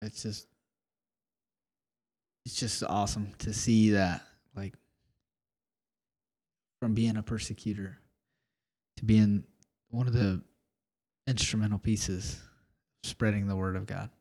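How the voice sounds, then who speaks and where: A man co-hosting a casual Bible study talk, soft-spoken and brief. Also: fairly low pitch, little pitch movement, slow pace, long pauses. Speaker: podcast co-host.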